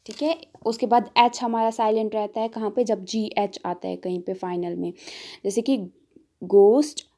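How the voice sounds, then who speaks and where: A woman tutor talks through an exam-prep lesson. Her voice is mellow and warm. She explains patiently and slows down to repeat each example word. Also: medium pitch, level tone.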